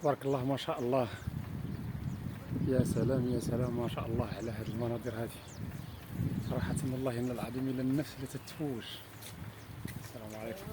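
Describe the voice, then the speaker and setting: A man's voice: mid-range voice, steady tone, fast, long pauses. A man with a Moroccan accent chatting casually as an outdoor cycling vlogger, exclaiming in admiration and repeating his phrases. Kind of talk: casual outdoor vlog chat. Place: outdoors in the countryside while cycling. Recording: very noisy outdoor recording, wind and ambience.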